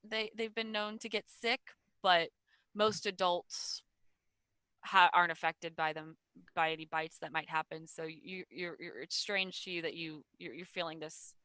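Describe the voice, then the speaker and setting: Woman, game master, tabletop narration, bright tone, dry sound, playful. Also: fairly low pitch, clean tone, no room sound. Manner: chatty, playful rules explanations.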